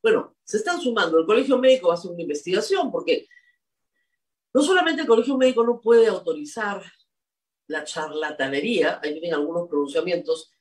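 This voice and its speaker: A commentator delivers indignant spoken commentary, pitch swinging widely as they press each point. The manner is scolding and emphatic, with points repeated for effect. The voice sits a little back from the microphone. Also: distant mic. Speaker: political commentator.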